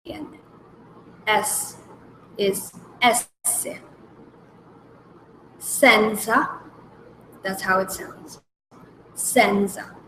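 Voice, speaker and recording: A woman hosting a language lesson, slowly naming each letter and repeating example words with care. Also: medium pitch, lively intonation, sharp tone, slight background noise. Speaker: language segment host. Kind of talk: slow, careful alphabet lesson. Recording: echoey room with faint background ambience.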